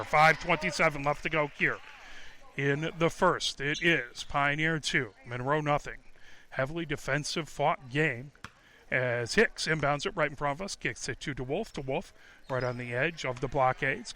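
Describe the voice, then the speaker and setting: Bright-voiced man calling basketball courtside. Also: a little high, slight background noise. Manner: rapid, clipped calls that rise sharply on made baskets. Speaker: radio play-by-play announcer. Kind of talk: live basketball play-by-play commentary. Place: courtside at a high school gym.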